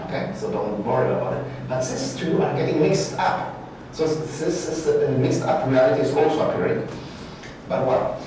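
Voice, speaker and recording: A man from Peru, a guest speaker and art faculty lecturer, presents at a conference in a slightly high voice, halting, searching for words and self-correcting. He sounds distant and echoey, recorded by a far room camera with no mic in a large indoor brick-walled event room, with background noise.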